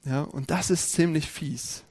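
Man, preacher, lively sermon, rhetorical questions, speaks straight to the congregation. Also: fairly high pitch, measured pace, breathy edge.

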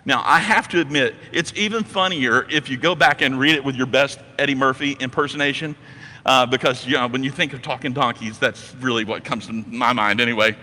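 A man's voice: medium pitch, a little fast, bright, forceful tone, long reverb tail. A man preaching a sermon as a pastor, telling the story emphatically and repeating phrases for effect.

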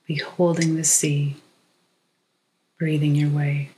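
A narrator gives a guided meditation in a hushed, measured voice, reading short poetic phrases with long pauses. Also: mid-range voice, flat delivery, a little hiss or hum.

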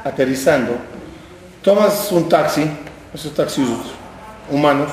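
High-voiced man preaching in an echoey room. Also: unhurried, darkish tone, slight background noise. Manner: storytelling with acted dialogue and rhetorical questions. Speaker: rabbi giving a Torah class. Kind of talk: sermon.

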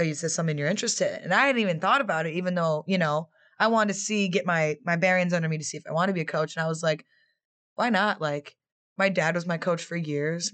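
A woman in her twenties, a former player turned assistant coach, answering interview questions in a chatty way. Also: deep voice. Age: 20s. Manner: chatty, animated storytelling with quoted voices.

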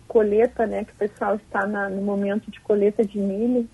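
A woman mayor being interviewed over a crackly phone line, talking haltingly and repeating words. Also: medium pitch, little pitch movement, slightly rough. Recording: tinny breaking-up phone line.

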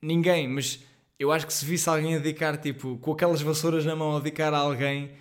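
A young man from Portugal with a European Portuguese accent hosting his own podcast from home, rambling and excitable with lots of slang and fillers. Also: fairly high pitch, fast. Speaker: podcast host. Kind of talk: casual solo podcast monologue.

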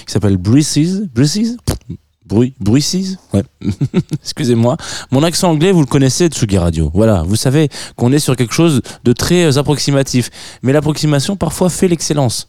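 A man's voice: on the low side, mellow, no echo, clean studio sound. A man in his thirties hosting a radio show, chatting casually with lots of hesitant fillers, restarts and self-mocking asides. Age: 30s. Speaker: radio host. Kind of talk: casual radio chat introducing a track.

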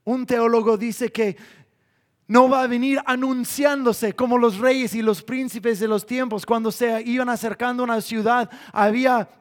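A man preaching a sermon in an earnest way, often dropping to a soft voice for emphasis. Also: very high voice, fairly even intonation, normal speed.

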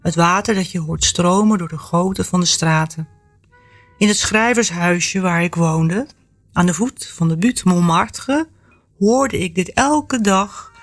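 A woman author reading from her own novel, then talking about the memories behind it in a lively, storytelling way. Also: fairly low pitch, a little slow, faint music behind. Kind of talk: novel reading and personal reflection.

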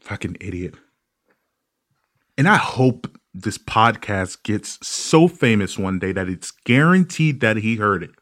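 A man hosting a podcast, telling stories in a profane, ranting, animated way. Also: lowish voice, a little slow, hardly any pauses. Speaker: podcast host. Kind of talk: casual comedic podcast monologue.

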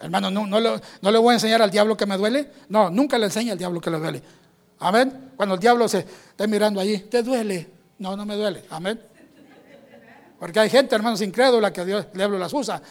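A man's voice: sits high, quick pace. A man preaching a sermon, peppering his lines with amén and hermanos and acting out quoted voices. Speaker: pastor.

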